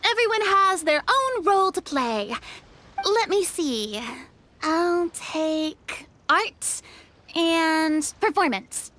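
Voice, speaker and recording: A woman playing a sweet, earnest, polite young lady in an anime game, speaking in a gentle, hesitant, wondering way. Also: very high voice, expressive, slow pace, heavily acted. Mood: thoughtful. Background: music.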